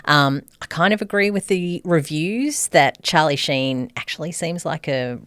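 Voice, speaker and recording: A middle-aged Australian woman co-hosting a news podcast, talking in a chatty, lively way. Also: sits low, unhurried, clear, resonant tone, dry recording. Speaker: co-host.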